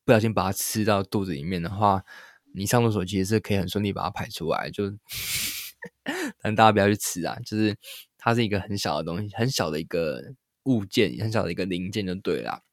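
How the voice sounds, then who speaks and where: A man's voice: fairly low pitch, quick pace, dry recording, studio quality. A young man with a Taiwanese Mandarin accent, telling a rambling solo story as a podcast host and laughing at himself. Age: young adult.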